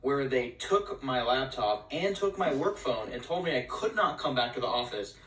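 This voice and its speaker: A man's voice: mid-range voice, animated, normal speed, a bit bright. A man from New York telling a work story to camera in a matter-of-fact, wry way. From New York, United States. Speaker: clip storyteller. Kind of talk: casual short-video storytelling. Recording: echoey phone video from a distance.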